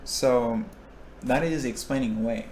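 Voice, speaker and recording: The speaker is a young male recitation instructor explaining a probability topic from lecture. His mid-range voice is a little mellow and measured in pace, and he reasons aloud with restarts while checking that listeners follow. Slight background noise accompanies him.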